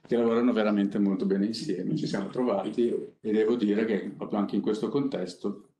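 Low-voiced man in echoey conference room. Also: fairly even intonation, mellow, slight background noise. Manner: conversational, unscripted, halting with frequent pauses. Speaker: company innovation director presenting a project. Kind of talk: panel presentation. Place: conference room seated at a panel table.

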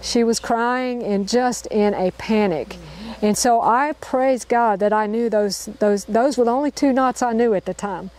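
This knot-tying instructor, working with a group in a park, speaks a little slowly with hardly any pauses in a fairly high, darkish voice. She's upbeat, repeats each step and checks that everyone is keeping up, and the audio quality is poor.

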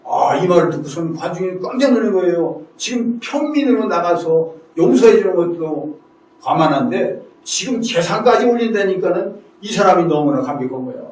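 A man giving a lively storytelling lecture, with frequent questioning asides to his audience. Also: on the high side, fairly quick, slight background noise. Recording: echoey room, distant mic.

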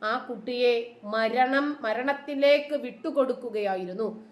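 A woman's voice: on the high side, unhurried. A woman giving opinionated video commentary in a combative, sarcastic, emphatic way.

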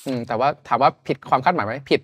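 A man's voice: mid-range voice, rapid-fire, breathy edge, no room sound. A man from Thailand in his thirties, a podcast guest chatting casually in loose, slangy talk. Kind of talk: casual chat.

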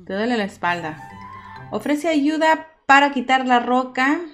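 Gaming host, female, fairly high voice, chatty and exclamatory let's-play commentary. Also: lively intonation, a little slow, fairly bright tone, faint music behind. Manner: chatty, talks to her game characters, exclaims often. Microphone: microphone set too far off at times.

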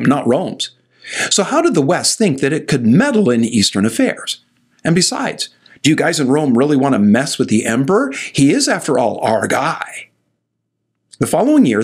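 A man's voice: on the high side, husky. A man in his sixties, a pastor, teaching church history to camera in a scripted, storytelling way with asides to the viewer, recorded on a studio mic in a study. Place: indoor study with bookshelves. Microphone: studio mic in front of him.

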